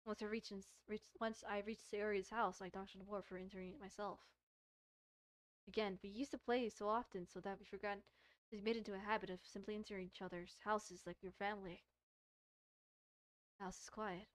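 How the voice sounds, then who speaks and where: Over soft background music, a female streamer with a steady, mid-range voice haltingly reads and remarks on a visual novel, frequently going back to repeat phrases.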